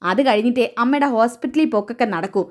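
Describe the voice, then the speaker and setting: A woman's voice: a little high, fast talker, close to an everyday voice. Rohith, a woman reading a weary son. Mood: pleading. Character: young male college student son, weary.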